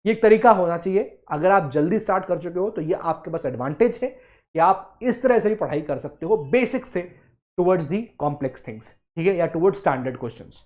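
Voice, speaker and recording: A young man teaching an exam prep lesson, talking emphatically and coaxing students, and slowing down to read English quotes aloud. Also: sits high, lively intonation, darkish tone. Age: young adult. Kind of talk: Hindi-English lecture.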